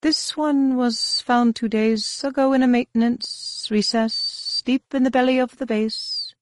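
Woman doing a hissing reptilian male security chief: raised pitch, slow, grave, storybook reading. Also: fairly even intonation, no room sound, lightly acted. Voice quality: sibilant.

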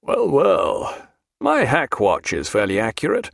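A man's voice: mid-range voice, huge pitch swings, a little slow, vocal fry, no echo, studio quality, full character voice. A man voicing a hearty, good-humoured naval captain in an audiobook, with bluff, old-fashioned, confident speech. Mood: frank.

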